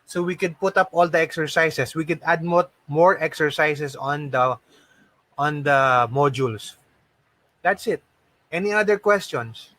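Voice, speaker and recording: Teaching live online with no room sound, a Filipino-accented man from the Philippines speaks in an unhurried, fairly bright voice on the high side. He works as an English and call center trainer. He repeats points and asks rhetorical questions to encourage his learners.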